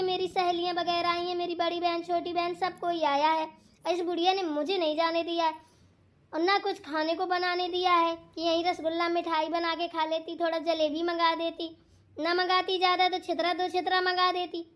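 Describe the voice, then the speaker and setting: A woman voicing a sulky, sharp-tongued young daughter-in-law in a cartoon, complaining in a Bundelkhandi accent. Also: extremely high pitch. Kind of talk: cartoon voice acting.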